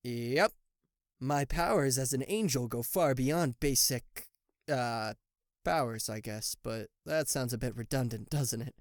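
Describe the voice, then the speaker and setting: In a roleplay audio addressed to the listener, a man plays a cocky, sarcastic devil and fallen angel, teasing theatrically until he slips into flustered stammering. His mid-range voice moves a little slowly, lightly acted, and the mood is playful and boastful. The studio recording is clean, with no echo.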